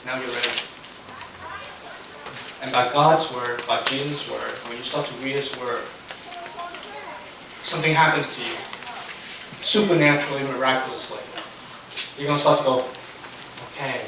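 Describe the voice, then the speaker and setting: A man preaching a sermon as pastor, animated and quizzing his congregation. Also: mid-range voice, moderate pace, vocal fry, pauses often, noisy background. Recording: echoey room from far off with crowd. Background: congregation voices.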